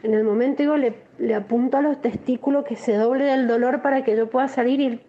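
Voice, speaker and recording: A woman with a Rioplatense Spanish accent gives a shaken, halting first-person testimony, often restarting her sentences. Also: a little high, fairly even intonation, dull audio. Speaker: interviewee recounting an assault.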